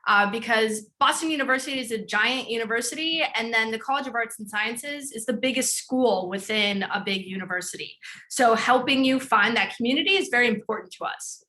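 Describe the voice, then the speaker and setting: A woman's voice: a little high, brisk, bright, forceful tone. A middle-aged woman from the Chicago suburbs, hosting an online open house as student programs director, with an upbeat, chatty delivery full of fillers. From northern suburbs of Chicago.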